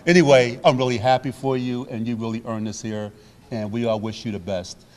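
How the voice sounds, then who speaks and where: A man's voice: mid-range voice, steady tone, a little fast, darkish tone, big-room sound. A man, a city official, presenting a retirement badge in casual, rambling ceremonial remarks.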